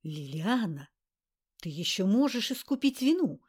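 A woman's voice: mid-range voice, very animated, a little slow, a little mellow, husky. A woman voicing a menacing male master whose voice hisses out of a ring, insistent and demanding.

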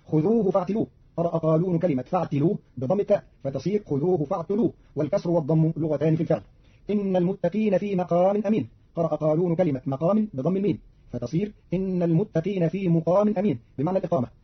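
A male radio announcer reads a formal scripted explanation at a rapid clip, his voice slightly raised in pitch and husky. It comes through a dull, lo-fi archival radio recording. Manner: brisk, even, formal reading. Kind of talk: scripted explanation of recitation variants.

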